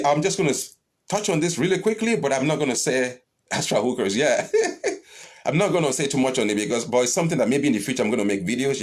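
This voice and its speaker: A man delivers a live-streamed spiritual teaching and answers questions as they come in. He is blunt and animated, swears freely, and his voice leaps upward whenever he stresses a point. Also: lowish voice.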